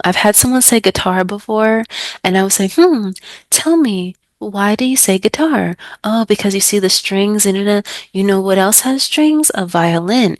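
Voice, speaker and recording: An American woman who works as an ESL tutor, giving other tutors chatty teaching tips and acting out student exchanges in a brighter voice. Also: medium pitch, no echo. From United States.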